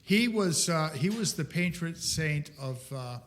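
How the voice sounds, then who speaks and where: A man's voice: a little high, animated, a little slow, slight background noise. A man on a comedy quiz panel, rambling hesitantly as he spins absurd made-up stories. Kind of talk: improvised comic banter.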